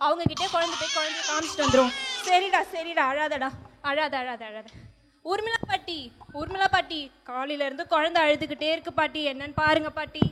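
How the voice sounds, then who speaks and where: A woman's voice: sits high, a little fast, background noise, close to an everyday voice. A woman playing an anxious young village mother soothing her crying baby, in an amateur role play. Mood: fretful. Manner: fretful, pleading.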